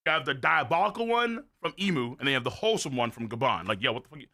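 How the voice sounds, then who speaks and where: A man streaming a live manga reaction, excitable and profane, full of slang. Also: medium pitch, racing.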